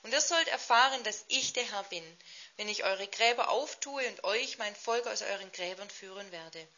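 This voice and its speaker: Female interpreter, solemn measured reading, bright tone, muffled lo-fi sound. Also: mid-range voice. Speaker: interpreter and scripture reader. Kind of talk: scripture reading and sermon interpreting.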